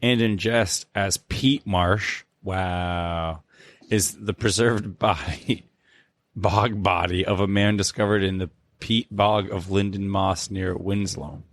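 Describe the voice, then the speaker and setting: Excitable, jokey young man. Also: sits low, slow, no echo. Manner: excitable, jokey, swears freely, says "dude" and "bro". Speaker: podcast co-host. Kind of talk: casual chat.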